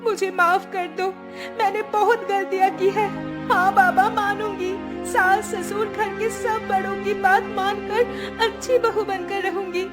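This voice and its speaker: A woman voicing a young daughter-in-law in a cartoon, shrill and pleading. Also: steady tone, a little slow, loud music behind the voice. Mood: repentant. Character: young daughter-in-law Mala, defiant then tearful. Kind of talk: cartoon voice acting.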